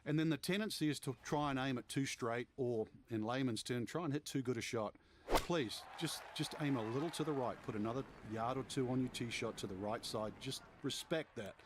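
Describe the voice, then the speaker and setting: A man's voice: medium pitch, a little fast, lightly acted. Casting: actor as folksy golf commentator, male analyst explaining shots for a golf game, noticeable noise behind. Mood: explanatory. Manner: colloquial, explanatory.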